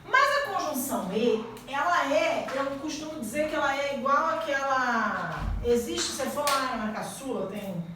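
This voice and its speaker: A woman's voice: high voice, lively intonation, normal speed, few pauses, bright, forceful tone, slight background noise. A Brazilian woman teacher giving a classroom grammar lesson, quizzing students with rising questions. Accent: Brazilian Portuguese. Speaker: Portuguese teacher. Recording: echoey room, mic at a distance.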